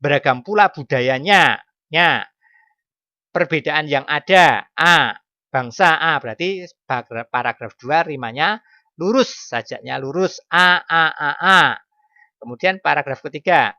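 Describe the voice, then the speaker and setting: A man's voice: fairly high pitch, measured pace, bright, forceful tone, dry recording. A middle-aged man teaching a primary school class online, chatty and correcting himself as he goes, often asking questions. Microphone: computer mic on video call.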